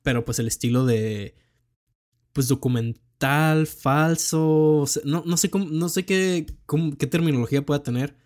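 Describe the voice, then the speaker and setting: A man's voice: on the high side, normal speed, a little mellow. Slangy young Mexican man chatting casually. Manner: slangy, swearing freely. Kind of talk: casual film chat.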